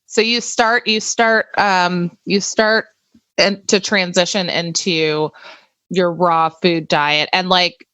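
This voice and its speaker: Woman host, slow and halting, dry close mic. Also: on the low side, steady tone, fairly bright tone, smooth, no room sound. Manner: reactive, short exclamations, halting questions. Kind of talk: interview.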